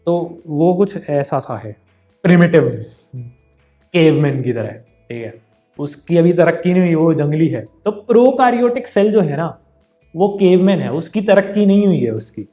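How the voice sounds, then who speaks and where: A man's voice: high voice, lively intonation, moderate pace, mellow, faint music behind. A man teaching a casual Hindi-English science lesson. He jokes, teases and calls the viewer brother. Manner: playful mispronunciations and asides. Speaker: online tutor.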